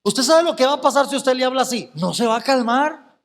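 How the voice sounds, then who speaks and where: A man's voice: very high-pitched, expressive, a little fast, in a large hall. A male pastor preaching a fervent sermon, firing rhetorical questions at the congregation.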